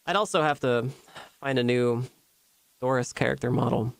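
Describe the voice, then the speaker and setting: A man's voice: mid-range voice, creaky, no echo. Chatty man streamer with a dry close sound. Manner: rambling, halting, laughs often. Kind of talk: casual stream chat.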